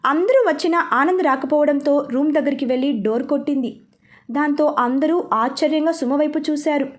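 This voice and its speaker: A woman reading aloud a serialized novel as storyteller, steady and expressive. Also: sits high, moderate pace. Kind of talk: scripted narration of a serialized novel.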